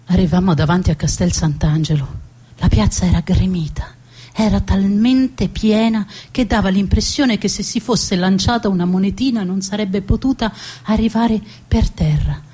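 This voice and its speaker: A woman plays a proud, defiant noblewoman recounting her own story in a dramatic, deliberate theatrical monologue full of emphatic repetitions. Her medium-pitched voice is warm and slightly rough, lightly acted, with a mood of hushed awe.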